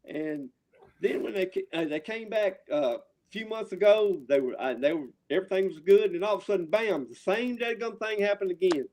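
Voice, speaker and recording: A man with a high-pitched voice and a Southern drawl rambles through casual wrestling trash talk. He swears freely and pushes his points hard, sounding riled up. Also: lively intonation, brisk, darkish tone. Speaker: wrestling promotion owner, show guest.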